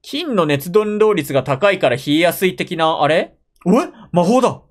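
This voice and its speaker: A young man from Japan talks to himself in a seated reaction stream, muttering and letting out frequent exclamations. His pitch sits a little high and swings widely from low grumbles to sudden high yelps. He is close on a desk mic in a room at home. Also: sing-song, moderate pace. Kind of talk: live reaction commentary.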